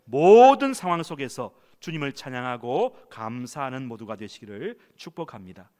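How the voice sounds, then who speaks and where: A man's voice: medium pitch, big pitch swings, normal speed, darkish tone. A male pastor preaching a sermon in a church, emphatic and calling the congregation to read along with him. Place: church sanctuary.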